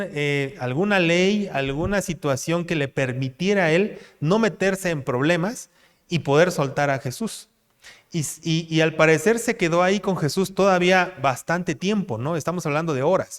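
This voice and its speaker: A man teaches from the pulpit, his voice pitched somewhat high and carried by the long reverb of a large hall. He keeps checking in with listeners through rhetorical questions. When he reads the verses he slows and grows louder. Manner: asks rhetorical questions, tags lines with "¿no?"; reads scripture aloud slower and louder. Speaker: pastor. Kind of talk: expository sermon.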